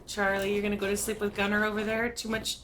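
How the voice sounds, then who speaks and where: A woman filming her puppies at home, chatting casually to the camera and slipping into high, sing-song baby talk with the dogs. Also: completely flat delivery, quick pace, a bit bright, a little hiss or hum. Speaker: dog breeder. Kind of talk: casual vlog talking to puppies. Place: home puppy room, indoors.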